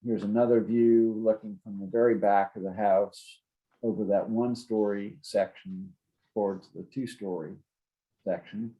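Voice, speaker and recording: Very mellow, low-voiced man presenting. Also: steady tone, measured pace, poor audio. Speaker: city zoning staff presenter. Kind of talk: informal explanatory presentation of maps and photos.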